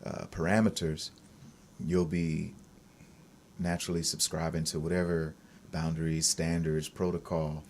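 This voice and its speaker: A man in his thirties, a fitness coach, speaking calmly and smoothly in an interview. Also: a bass voice, slight background noise. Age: 30s. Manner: calm, smooth, measured. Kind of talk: reflective interview answers.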